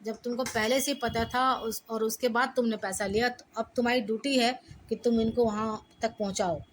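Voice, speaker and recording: A middle-aged woman retells a personal story in the first person, animated as she acts out the dialogue. Her voice sits a little high, with a faint hiss under the recording. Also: normal speed, low-quality recording. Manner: lively retelling, acting out quoted dialogue.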